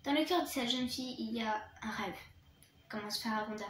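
A woman voicing a kind, gentle female headmistress who speaks calmly to a young student, read from a storybook in an echoey room. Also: on the high side, brisk, a little hiss or hum, close to an everyday voice. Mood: earnest. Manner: gentle, calm.

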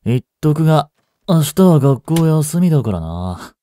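In an intimate audio drama, a man voices a blunt, languid young delinquent who is a protective childhood friend, drawling with gruff teasing and gruff concern. His voice is a little high and mellow, a bit slow, with big swings in pitch, and the recording is dry.

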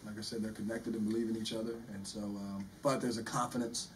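A man in his forties, a head basketball coach, answering postgame press questions in a measured way and often repeating words while he thinks. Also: on the low side, flat delivery. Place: press room in front of a sponsor backdrop. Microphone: table microphone, recorded from the room. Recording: distant room mic with faint noise.

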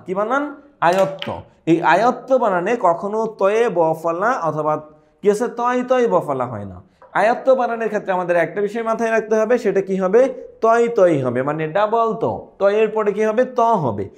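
Young man, high voice, teaching tone, asks and answers his own questions, repeats key words. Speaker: exam prep teacher. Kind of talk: lecture.

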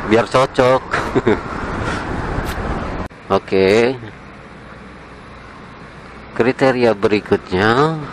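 A man chatting casually while riding a motorcycle, with relaxed slang and small chuckles, recorded on a helmet camera. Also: lowish voice, low-quality recording. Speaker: motovlogger. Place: on a motorcycle in night city traffic. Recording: faint traffic noise outdoors.

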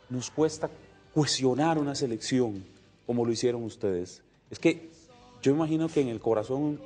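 A man's voice: medium pitch, mellow, slightly rough. A man hosting a TV talk show, addressing his guests directly and steering the panel conversation. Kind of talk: moderating a studio panel.

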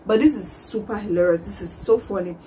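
A young woman hosts a YouTube reaction vlog from a small indoor room with a patterned wall behind her. Her mid-range voice is mellow and fairly quick, and she chats casually, laughing often. There is slight background noise.

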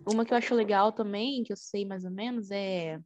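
A woman's voice: mid-range voice, steady tone, brisk, a little mellow, lo-fi sound, slight background noise. A woman student on a video call asking hesitant questions and stumbling over words.

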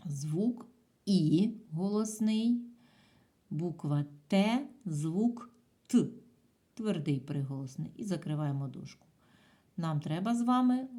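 A woman teaching a primary school lesson by video, patient and clear in a sing-song teacher's way. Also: medium pitch, mellow. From Ukraine. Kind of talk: video lesson for young pupils.

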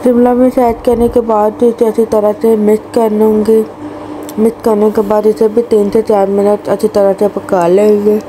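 A woman narrates a home cooking video, walking through each step in a plain, practical way and sometimes restarting a word. Her voice sits at an ordinary pitch for a woman. Clear background noise runs under her voice in a home kitchen recording. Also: flat delivery, normal speed. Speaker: cooking channel host. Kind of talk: recipe voice-over narration.

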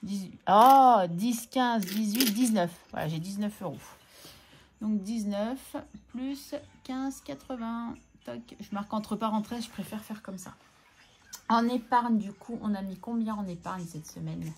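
A woman vlogging casually as she sorts her budget, chatting to herself and counting out loud. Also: mid-range voice, a little slow, slight background noise. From France. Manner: talks to herself, scolds herself by name, counts aloud. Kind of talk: casual chatty talk to camera while counting money.

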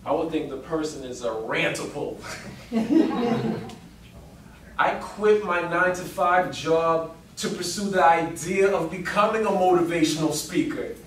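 High-voiced man telling a story in a roomy hall. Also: a little slow. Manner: animated, dramatic storytelling with emphatic rises. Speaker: public speaker. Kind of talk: storytelling speech to an audience. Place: meeting room before an audience. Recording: roomy hall sound from a distant mic with faint noise.

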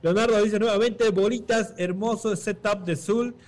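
A man's voice: high voice, steady tone, moderate pace, a little mellow. A man from Bolivia, co-casting esports and reading out chat comments with frequent laughs. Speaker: esports caster.

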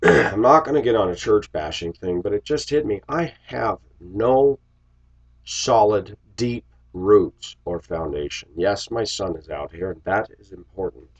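Recording a confessional vlog in a small shelved room, a forties-aged American man still congested from a cold rambles casually and reflectively. His lowish, husky voice goes a little slowly, and the desk-distance webcam mic gives the sound a dull, lo-fi quality.

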